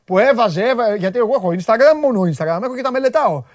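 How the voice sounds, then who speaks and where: A man hosting a sports talk show, chatting in an animated, joking way, his voice jumping high when he gets worked up. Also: dry recording, clean studio sound. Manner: excitable, jokey, voice jumps high when worked up.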